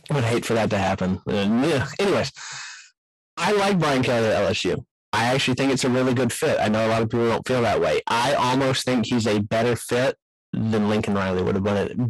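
A man's voice: lowish voice, brisk, dry recording, low-quality recording. Opinionated male podcast host, dry sound. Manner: opinionated, self-deprecating asides. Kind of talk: casual sports chat.

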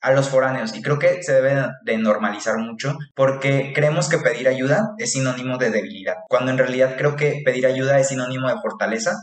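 An earnest young man with a Mexican Spanish accent co-hosts a casual podcast, talking in an animated, slangy way. His voice sits at an ordinary middle pitch and rings around a roomy, echoey space. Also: fairly quick, few pauses. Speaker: podcast co-host. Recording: echoey room.

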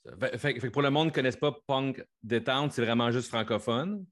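A man's voice: medium pitch, fairly quick, fairly bright tone. A man co-hosting a casual podcast chat, hesitant and restarting often. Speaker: podcast co-host.

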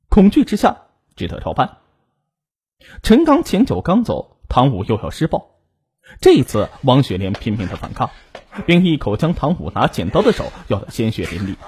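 A man's voice: mid-range voice, a little mellow, breathy edge. A man narrating a true crime story with dramatic delivery. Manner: dramatic, rising and falling delivery.

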